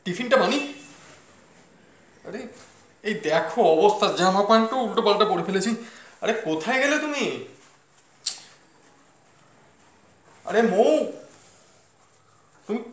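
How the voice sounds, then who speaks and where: An actor playing a flustered, penny-pinching office-going husband in a comedy sketch, calling out frantically and complaining indignantly. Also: male voice, high voice, expressive, moderate pace, long pauses. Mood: frantic. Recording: echoey room.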